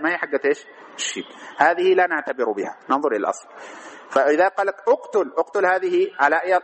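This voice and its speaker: Guy lecturing fast on grammar, a bit high-pitched, asks then answers himself. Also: a bit bright, low-quality recording. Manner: recites verse and quotes in a chanting tone. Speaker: grammar teacher. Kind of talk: classroom lecture on Arabic grammar.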